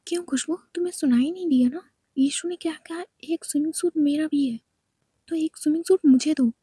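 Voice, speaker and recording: A woman voicing a whiny young woman who takes offence easily and complains loudly. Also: high voice, fairly quick, no room sound, close to an everyday voice. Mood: complaining. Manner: loud, complaining, tearful pleading.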